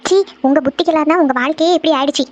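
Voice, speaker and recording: A woman's voice: sits high, fairly even intonation, very fast, lo-fi sound, lightly acted. A woman doing a bitter, scornful mother. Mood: cursing. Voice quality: harsh and contemptuous. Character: bitter grieving middle-aged mother, scornful and cursing. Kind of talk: cartoon voice acting.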